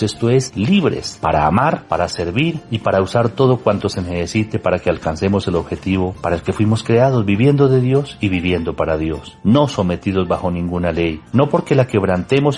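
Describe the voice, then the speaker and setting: Male preacher, low and dark-toned, measured and solemn delivery of a written homily, music underneath. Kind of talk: sermon, scripted homily.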